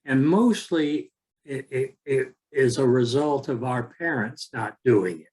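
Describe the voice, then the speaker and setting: A man of seventy, giving an unhurried, rambling talk as an author, often repeating words as he searches for them. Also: medium pitch, animated, a little mellow. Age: 70s. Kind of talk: slow reflective talk with poetry reading.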